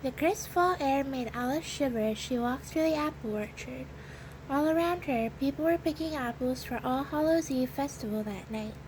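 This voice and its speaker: A woman narrating a children's storybook with a gentle, expressive read-aloud delivery. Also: sits high, moderate pace, slight background noise, poor audio.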